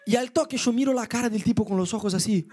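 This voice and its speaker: A young man with a Rioplatense Spanish accent preaching an animated sermon to youth, acting out his stories and inner thoughts. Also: fast talker. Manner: lively storyteller, voices his own inner thoughts in high pitch. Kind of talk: animated sermon with acted-out anecdotes.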